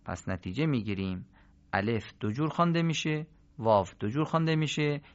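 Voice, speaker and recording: A man's voice: mid-range voice, animated. A man teaching the rules of Quran recitation in a recorded lesson, explaining step by step and asking questions he then answers himself. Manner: explanatory, asks rhetorical questions and answers them. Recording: dull lo-fi audio.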